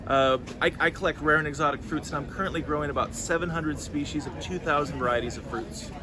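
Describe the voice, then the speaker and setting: Outdoors at a farmers market, amid traffic and street noise, a thirty-something Californian farmer gives earnest answers as an interview guest, frequently starting over. He talks fast in a fairly high, steady voice.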